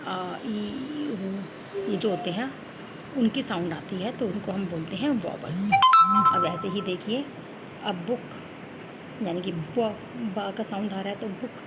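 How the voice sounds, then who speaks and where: A woman with an Indian accent, teaching a grammar lesson, explaining slowly and answering her own questions. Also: mid-range voice, very noisy.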